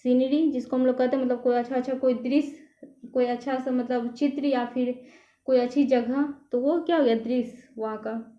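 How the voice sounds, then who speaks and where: A woman's voice: high-pitched, level tone, fairly quick, warm tone. A woman teacher taking a class through an exam prep lesson, patiently checking each answer option in turn. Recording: echoey room, slightly dull sound.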